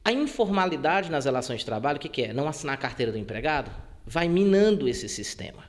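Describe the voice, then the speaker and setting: A man from Brazil, a labor court judge, answering interview questions in a measured way with frequent filler words. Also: fairly high pitch, very animated.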